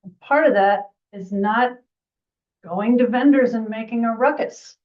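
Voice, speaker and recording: A woman village trustee making a measured, polite but pointed remark at a board meeting. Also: on the high side, a little mellow. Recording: distant, dull meeting audio.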